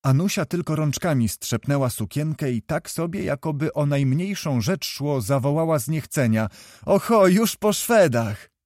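Man, audiobook narrator, measured storytelling, slightly high pitch, dry sound. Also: warm tone, dry recording. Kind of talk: scripted narration.

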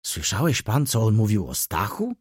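A man voicing an anxious, loyal older male shopkeeper who protests in a low voice, in an audiobook reading. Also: wildly swooping pitch, normal speed, breathy edge, no echo, studio quality, full character voice. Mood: protesting.

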